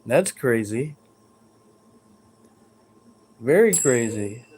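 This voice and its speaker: A man's voice: mid-range voice, sing-song, extremely slow, a little mellow, a little hiss or hum. A man hosting a live stream at home in his bedroom, chatting in a rambling, hesitant way with viewers and the spirits he says are near. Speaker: livestream host. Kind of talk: live paranormal stream chat.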